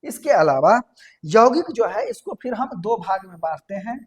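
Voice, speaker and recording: Speaking at a moderate pace in an expressive, mid-range voice, a woman gives a science lecture in class. She breaks the material into steps and keeps returning to key terms. Often she puts a question to the students, then supplies the answer herself.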